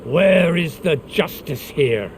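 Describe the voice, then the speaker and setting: A man's voice: expressive, takes it slowly, slight background noise. A man voicing an angry peasant in a video game, accusing and indignant in a neighbors' quarrel. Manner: indignant, accusing, swinging pitch.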